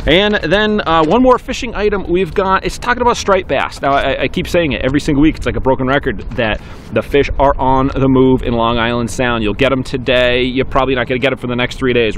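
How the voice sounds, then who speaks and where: A man in his forties hosting a weekly fishing report to camera, outdoors on a dock, talking briskly and upbeat with some fillers. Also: medium pitch, a little hiss or hum.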